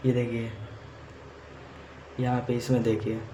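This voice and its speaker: Speaking at a measured pace in a mellow, monotone, medium-pitched voice, this man leads a chemistry class. He goes over points again and frequently checks on students with "theek hai." Faint noise and echo fill the room.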